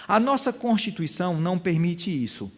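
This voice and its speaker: Animated high-voiced man preaching. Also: normal speed. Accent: Brazilian Portuguese. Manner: animated preaching, questions to the audience, acts out quoted voices. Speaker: Bible teacher. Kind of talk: sermon-style Bible lesson.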